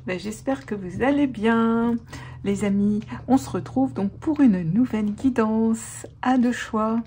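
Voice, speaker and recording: A woman's voice: a little high, a little slow, a little hiss or hum. Chatty woman reading tarot. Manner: chatty and warm, many fillers and restarts. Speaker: tarot reader. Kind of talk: casual spoken tarot guidance.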